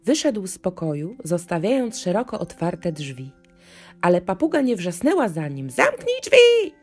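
A woman narrating a children's bedtime story in a gentle, expressive storytelling manner. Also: fairly low pitch, normal speed, breathy edge. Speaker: audiobook narrator. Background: faint music.

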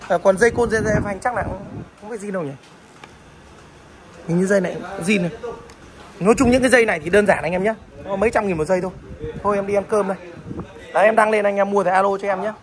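Fast-talking high-voiced man selling a motorbike. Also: fairly even intonation, crowd noise. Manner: fast salesman patter, repeats short tags. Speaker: motorbike dealer vlogger. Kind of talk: casual selling vlog.

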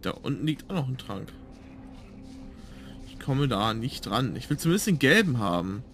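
Man, casual let's play commentary, animated intonation, musing to himself, noisy game sound behind. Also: medium pitch, moderate pace. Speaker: let's player.

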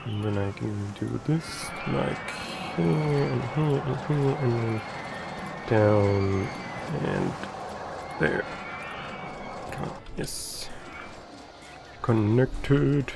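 A man's voice: mid-range voice, very slow, gravelly, long pauses, very noisy. A man giving casual commentary while playing a building game, muttering to himself as he works. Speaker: let's play gamer. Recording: game music behind the voice.

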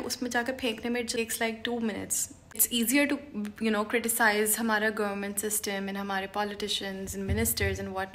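A woman's voice: medium pitch, fairly bright tone. A young woman from Pakistan with a Karachi accent, switching between Urdu and English as she rants indignantly to a camera held at arm's length in her bedroom. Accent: Karachi Urdu, mixing in English. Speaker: vlogger. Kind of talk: ranting to camera. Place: bedroom indoors.

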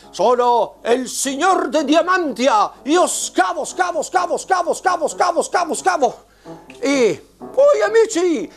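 A man voicing an eager, insistent male mine-boss puppet in a squeaky, shrill, repetitive voice.

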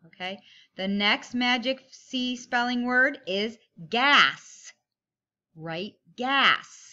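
In a lo-fi recording, a woman with a kindergarten teacher's manner gives young children simple step-by-step instructions, stressing key words. Her voice is fairly high, very slow and sharp in tone.

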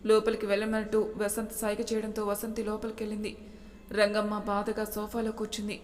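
A woman's voice: medium pitch, completely flat delivery, a little fast, slight background noise. Woman narrating a story in reverb.

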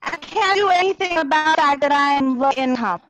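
A woman's voice: high voice, normal speed, over a noisy crowd, low-quality recording. A woman in her forties giving emphatic public comment over a buzzy, glitchy call line that keeps breaking up. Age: 40s. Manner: emphatic, repeating phrases in fragments. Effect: buzzy, glitchy call audio that breaks up. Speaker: caller giving public comment at a town meeting. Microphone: phone or video call.

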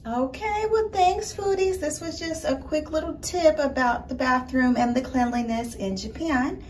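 A woman's voice: sits high, moderate pace, darkish tone, slight background noise. A middle-aged woman vlogging in a bubbly, chatty way to viewers, filming herself with a phone at arm's length inside a small public restroom. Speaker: travel and food vlogger. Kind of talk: upbeat travel vlog to camera. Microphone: phone held at arm's length.

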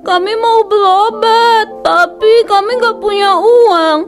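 A tearful little cartoon girl who begs for help for her mother. Her voice is very high and she speaks slowly, pleading with every word. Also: over music. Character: young girl, devoted daughter, tearful and pleading. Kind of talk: cartoon voice acting.

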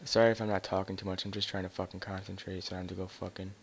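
A man's voice: low voice, little pitch movement, racing, slight background noise. A man doing casual live gameplay commentary on a headset mic as a raging gamer, swearing and grumbling in exasperation. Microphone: gaming headset.

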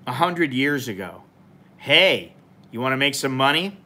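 A man's voice: medium pitch, big pitch swings, measured pace, bright, forceful tone. Chatty bearded man on a live stream. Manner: rambling, chatty and informal, with many fillers. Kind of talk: casual live stream chat. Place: small indoor room with a plain wall.

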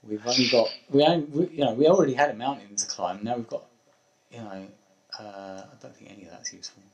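Speaking fast in a mid-range voice, this young man plays a hunter on his game stream, keeping up casual chat and wry muttering to himself. The audio sounds dull.

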